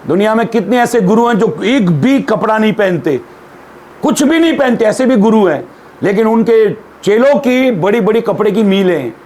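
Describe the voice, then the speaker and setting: High-voiced male pastor preaching. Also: lively intonation, moderate pace, darkish tone. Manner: humorous storyteller, asks the congregation questions. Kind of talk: Hindi sermon with jokes and rhetorical questions.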